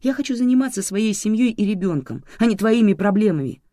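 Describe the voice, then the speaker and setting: A woman's voice: mid-range voice, lively intonation, quick pace, dark tone, no room sound, pitched above the performer's own voice, natural voice. A reader voicing a resentful young mother who speaks to her own mother firmly and reproachfully, recorded dry and close. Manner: firm, reproachful.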